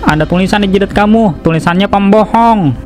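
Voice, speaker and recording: A teasing cartoon mocker, voiced by a man, voice a bit raised. Soft music sits under him. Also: high voice, fairly quick, close to an everyday voice. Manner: teasing, mocking. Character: mocking man teasing Gita.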